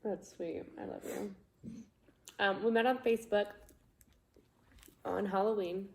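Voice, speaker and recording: A woman vlogger in a relaxed casual chat, reading out viewer questions while she eats. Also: mid-range voice, a little slow. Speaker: vlogger host.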